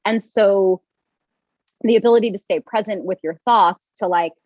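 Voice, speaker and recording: A woman's voice: medium pitch, normal speed, darkish tone, no room sound, highs cut off. A young woman talking as a podcast guest, rambling with many restarts and fillers. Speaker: podcast guest, yoga teacher and coach. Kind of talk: casual interview chat.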